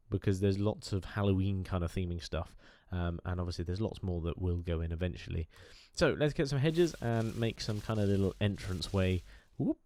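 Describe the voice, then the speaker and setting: Recorded dry, this man's voice is low and darkish, nasal from a cold. He's a gaming YouTuber giving casual commentary over gameplay, enthusiastic and chatty, wandering off on tangents packed with fillers.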